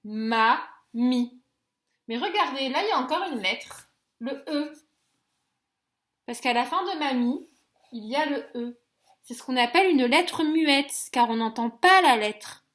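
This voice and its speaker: A French teacher with a high, light voice walks young children through a phonics lesson, stretching every sound out slowly. She is gentle and encouraging with them. She sounds out each letter and syllable with care. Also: lively intonation.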